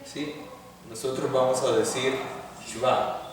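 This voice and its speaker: A man's voice: a little high, measured pace, background noise. A man teaching a Hebrew class in a classroom lecture, explaining patiently step by step and checking in with his students. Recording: echoey hall from far off.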